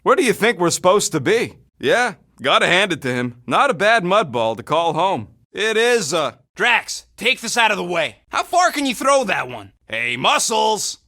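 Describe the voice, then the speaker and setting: An actor voicing a cocky, irritable raccoon mercenary in a video game, with a rough street-tough voice and brash, sarcastic, slangy delivery. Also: male voice, high voice, sing-song, moderate pace, hardly any pauses, sharp tone, heavily acted. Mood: wry, uneasy. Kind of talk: video game character barks.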